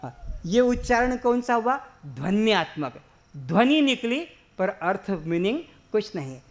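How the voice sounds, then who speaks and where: A man giving a spiritual discourse to a seated audience, explaining slowly and asking them questions. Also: high-pitched, sing-song. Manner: leads slow drawn-out chanting. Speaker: spiritual teacher.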